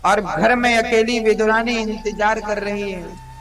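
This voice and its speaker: A man telling devotional stories in a sermon with a North Indian Hindi accent, dramatic and addressing his listeners warmly as mother. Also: high voice, fairly even intonation, a little slow, soft background music. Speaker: Bhagavat katha preacher.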